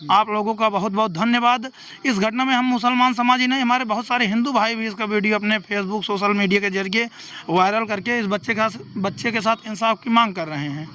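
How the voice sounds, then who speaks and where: A man's voice: sits high, pushed and bright, slight background noise. A man, an advocate and local candidate, giving a formal statement to a reporter outdoors and demanding action. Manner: formal, demanding, lists legal sections.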